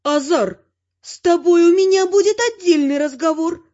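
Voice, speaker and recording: A stern, imperious middle-aged mother, as a male narrator puts her on, scolding and commanding in a raised, high voice. The recording is dull and lo-fi. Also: moderate pace, dark tone. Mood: threatening.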